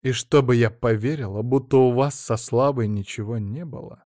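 A man's voice: medium pitch, moderate pace, warm tone, dry recording, clean studio sound, natural voice. A man reading an audiobook, voicing a bitter middle-aged woman who speaks with contempt. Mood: contemptuous. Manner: contemptuous, biting.

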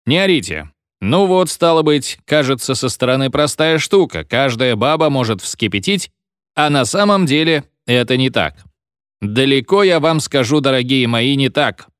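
A man voicing a pompous, bossy old professor who lectures and shouts orders at his class. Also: mid-range voice, expressive, normal speed, clear, resonant tone, no echo, clean studio sound, pitched above the performer's own voice, lightly acted. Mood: lecturing. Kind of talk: audiobook reading.

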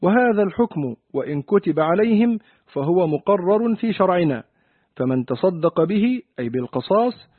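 Husky guy reading an old commentary out, formal and steady, dry phone-ish sound. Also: high voice, no room sound. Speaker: reader of the commentary text. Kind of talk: reading a classical commentary aloud. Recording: dry tinny phone-like recording.

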